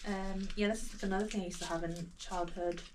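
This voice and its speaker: A woman's voice: mid-range voice, little pitch movement, a little fast. A woman talking as a guest on a podcast, easygoing and chatty with many fillers. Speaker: podcast guest, food blogger. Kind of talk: casual chat. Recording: somewhat distant mic with faint noise.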